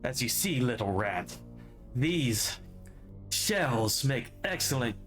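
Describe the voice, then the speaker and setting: A man voicing a surly, greedy, pig-headed warrior in a tabletop game, gruff and dismissive. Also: mid-range voice, sing-song, slow, fairly bright tone, soft background music. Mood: boastful. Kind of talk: tabletop role-play.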